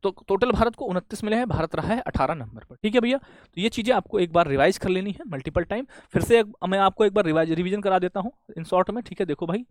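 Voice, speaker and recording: A male exam-prep teacher giving a classroom-style lecture, firing quick questions at students and answering them himself, with frequent friendly fillers. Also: high voice, lively intonation, no echo. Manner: asks quick questions and answers them himself, says "bhaiya" and "theek hai" often.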